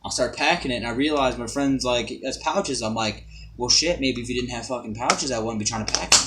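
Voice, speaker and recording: A man's voice: mid-range voice, fairly quick. Young man chatting casually through noisy audio. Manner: rambling, repeats himself, mild swearing. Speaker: amateur product reviewer. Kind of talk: casual chat review to camera.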